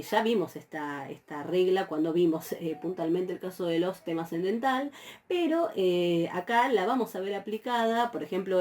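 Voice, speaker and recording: A woman's voice: on the low side, darkish tone. A woman from Argentina, teaching a university Greek grammar class with patient explanations and frequent fillers. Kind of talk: recorded lecture.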